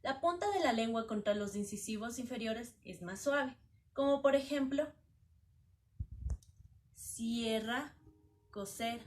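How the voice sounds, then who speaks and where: A woman's voice: on the high side, expressive, moderate pace, a little hiss or hum. A woman reading out a pronunciation lesson, evenly stating rules and examples. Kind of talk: read lesson narration.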